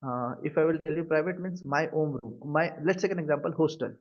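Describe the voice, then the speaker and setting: A man's voice: on the high side, fairly quick. A man with an Indian accent teaching a live online class, often checking understanding with short questions over a video call. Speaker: cloud computing instructor. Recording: dull, lo-fi video-call audio.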